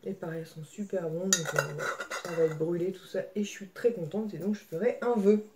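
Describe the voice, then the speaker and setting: A woman's voice: lowish voice, a little fast, noisy background. Chatty woman vlogger. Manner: chatty, many fillers, coughs and throat clearing. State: slight throat irritation. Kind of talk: casual haul vlog. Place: home.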